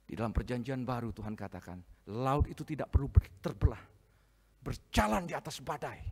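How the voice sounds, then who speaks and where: A man preaching a sermon, swinging from soft asides to loud, emphatic reading of scripture. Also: medium pitch, moderate pace, gravelly, breathy edge. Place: church hall, live-streamed service. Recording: long reverb of a church hall.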